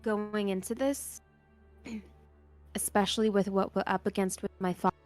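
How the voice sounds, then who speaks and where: A woman talking slowly and deliberately as a tabletop game player in character. Her voice sits at an ordinary middle pitch, with faint music playing behind her. Her microphone keeps cutting out, so her volume jumps and drops unevenly. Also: steady tone. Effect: microphone cutting out, volume dropping in and out. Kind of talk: in-character roleplay.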